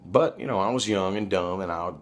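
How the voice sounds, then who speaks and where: A man's voice: deep voice, brisk. A man telling personal stories in a casual, rambling, blunt and profane conversational way, like a vlogger. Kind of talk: casual, rambling confessional storytelling.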